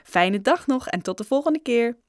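A woman puts on an eager storybook shopkeeper, a grown man who never stops pitching deals. His patter comes raised and loud, bright and close. The voice sits dry against the mic, with no room around it. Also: lively intonation, normal speed, dry recording, close to an everyday voice. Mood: eager salesman. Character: chatty grown male shopkeeper, pushy salesman.

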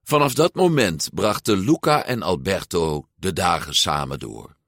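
A man reading a storybook aloud as narrator, expressive and unhurried. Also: low-pitched, no echo, studio quality.

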